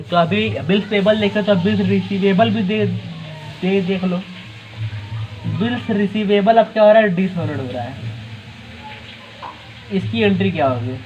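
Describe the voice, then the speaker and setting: A young man from Maharashtra teaching accounting in a casual, joking lecture, calling his students "bhai". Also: sits high. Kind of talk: informal recorded lecture. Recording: slightly dull recording with faint noise.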